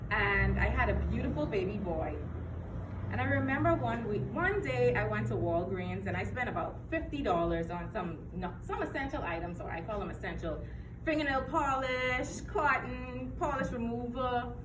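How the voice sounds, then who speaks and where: A woman's voice: a little high, expressive, moderate pace, background noise. A young woman from the Bahamas giving an earnest personal testimony to an audience, acting out the words of people in her story. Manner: earnest storytelling with acted-out quotes. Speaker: testimony speaker. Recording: echoey hall, mic from far off. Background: room ambience.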